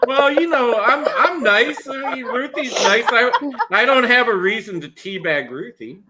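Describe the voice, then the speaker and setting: A man's voice: extremely high pitch, animated, unhurried, very noisy. A man, chatting casually on a podcast, swearing freely and drawling through fillers. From United States. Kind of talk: casual chat.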